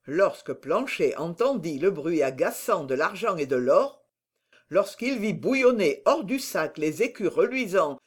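Slow, expressive audiobook narrator. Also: medium pitch. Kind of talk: scripted narration of a classic novel.

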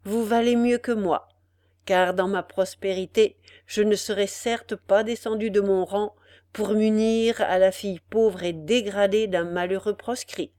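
Old nobleman prisoner, grave and weary, storybook reading by a woman, slow, dry sound. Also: medium pitch, fairly even intonation, warm tone, dry recording, lightly acted.

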